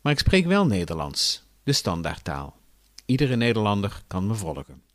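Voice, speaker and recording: A man from the south of the Netherlands with a southern Dutch accent, giving a clear, deliberate scripted lesson. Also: on the low side, no room sound, studio quality. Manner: clear, deliberate explanatory delivery with lively intonation. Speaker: language teacher. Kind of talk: scripted educational narration.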